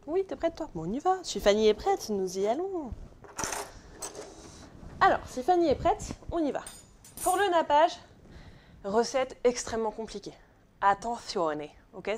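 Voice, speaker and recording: A woman's voice: fairly high pitch, darkish tone. A woman teaching a live pastry class in a kitchen, chatty and joking with viewers, often checking in with "ok?". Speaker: pastry instructor. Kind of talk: live online baking class.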